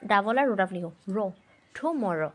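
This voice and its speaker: A woman gives a grammar lesson in a medium-pitched voice with lively intonation. She asks questions only to answer them herself, spells out words one letter at a time, and reads English sentences slowly before explaining them.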